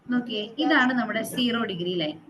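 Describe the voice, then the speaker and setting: Higher-voiced woman teaching a class. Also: fairly quick, highs cut off, noisy background. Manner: quizzes the class and repeats figures to drill them; mixes English terms into her teaching. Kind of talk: classroom geography lesson.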